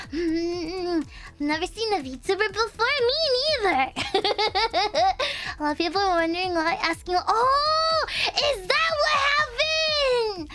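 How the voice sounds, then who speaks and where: A young woman VTuber streamer chatting casually with her viewers in a bubbly, rambling way, full of fillers. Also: very high voice. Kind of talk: casual livestream chat.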